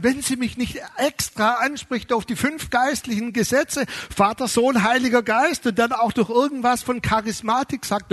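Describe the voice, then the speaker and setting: Preaching with lively emphasis, a middle-aged male pastor with a very high voice slows on important words. When quoting people, he acts out their voices.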